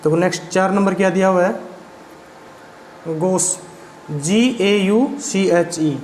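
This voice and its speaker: A vocabulary teacher with a high but darkish voice speaks slowly in a classroom lesson, spelling words out letter by letter. He asks questions and answers them himself, in an echoey room with faint background noise.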